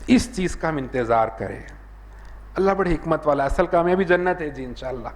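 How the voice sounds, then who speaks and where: Male preacher, Hyderabadi Urdu accent, slightly high voice, earnest sermon delivery with a recurring filler phrase. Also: animated. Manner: earnest, repeats "jo hai na" as a filler, raises his voice when acting out dialogue.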